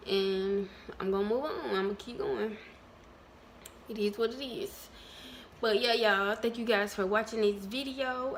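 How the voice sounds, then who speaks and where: A woman talking to her viewers in a casual vlog, candid and chatty, calling them y'all, with lots of ums and pauses. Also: a little high, a little hiss or hum. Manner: many ums and trailing pauses. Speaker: vlogger.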